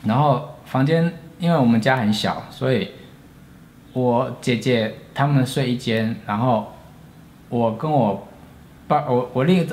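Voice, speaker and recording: A man in his forties with a Taiwanese Mandarin accent tells a story from his own life. He speaks earnestly and reflectively in a mid-range voice, pausing and restarting as he recalls it. Faint noise sits behind him. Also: medium pitch, a little mellow. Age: 40s. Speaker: storyteller, channel host. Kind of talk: personal storytelling.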